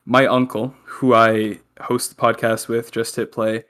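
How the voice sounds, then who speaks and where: Calling in remotely as a podcast guest, a young man trades jokes and anecdotes in relaxed chat. His mid-range voice is level, unhurried, and slightly bright, the delivery of a talkative, joking storyteller.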